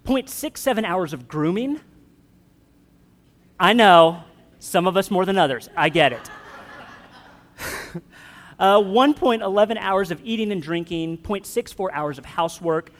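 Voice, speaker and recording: Pastor preaching in a reverberant hall. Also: male voice, high voice, lively intonation, a little slow, long pauses, a bit bright. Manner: conversational, joking with the congregation. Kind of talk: sermon.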